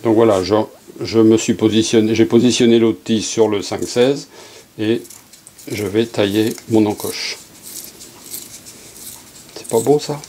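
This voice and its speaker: A middle-aged man giving a relaxed, chatty hands-on workshop demonstration as an archery instructor, with many fillers and asides. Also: lowish voice, measured pace, slight background noise.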